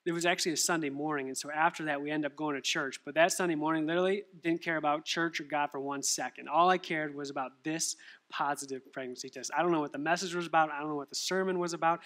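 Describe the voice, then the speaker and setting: A young man preaches a sermon, his voice bright and forceful, sitting a little higher than most men's. He tells stories and throws rhetorical questions at the congregation with lively energy. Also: quick pace. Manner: animated storytelling with rhetorical questions. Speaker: pastor.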